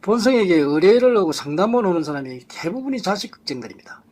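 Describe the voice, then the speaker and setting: A man's voice: high-pitched, very animated, fast, a little mellow. A man giving an impassioned political lecture to a live audience, firing off rhetorical questions and blunt insults.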